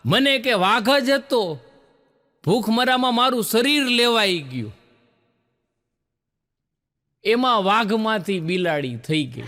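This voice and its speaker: A man's voice: high voice, measured pace, pauses often, in a large hall. A man with a Gujarati accent telling jokes on stage, acting out the voices in his stories. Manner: animated storyteller, acts out quoted voices. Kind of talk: stand-up joke telling.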